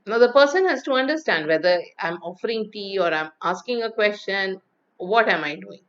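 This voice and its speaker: A woman giving a lecture on speaking, who shows pitch and emphasis with her own voice. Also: animated, a bit bright. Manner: demonstrates pitch and emphasis, reads rhymes slowly and expressively. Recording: dull lo-fi audio.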